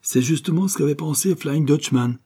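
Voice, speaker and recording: A man voicing a young man who calms a friend in a firm, conciliating way, in a storybook reading. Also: on the high side, moderate pace, slightly rough, voice pushed up.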